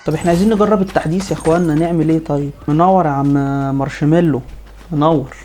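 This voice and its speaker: A man with an Egyptian Arabic accent giving excited live commentary over his own gameplay, piling up quick repeated exclamations. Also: on the high side, a little hiss or hum. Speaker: gaming video host.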